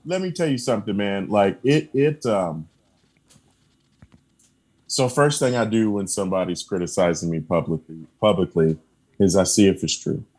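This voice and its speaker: A man with a fairly low voice speaks as a podcast guest. He talks in a relaxed, earnest way, hammering his points home with repeated affirmations. He breaks into short laughs between points. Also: normal speed, long pauses, husky. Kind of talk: casual conversation.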